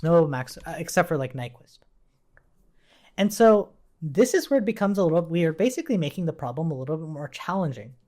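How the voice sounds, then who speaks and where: At an indoor computer with keyboard typing behind, a programming tutorial instructor walks through an informal live-coding session, thinking aloud and frequently asking "right?". The voice sits in the mid-range and is a little mellow.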